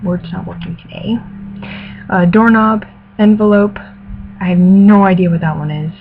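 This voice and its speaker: A woman with a gravelly, mid-range voice and fairly even intonation speaks at a moderate pace as a participant in an accent challenge, answering questions and reading aloud in a casual, hesitant, think-aloud way. The audio is tinny and phone-like, with background noise and a radio playing music.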